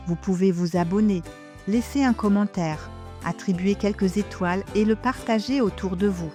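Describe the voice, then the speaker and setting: Speaking directly to her listeners, an older woman from Germany, a native German speaker, narrates a scripted podcast as host with measured reflection. Her mid-range voice has a dark tone, and music plays underneath.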